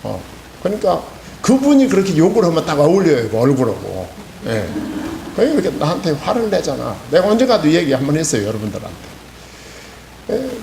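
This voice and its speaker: A pastor in his sixties with a Chungcheong Korean accent preaches an evening sermon, telling it folksy-style and dropping in frequent affirming interjections. His voice sits high, creaky and a little mellow, recorded in an echoey church hall with faint hiss.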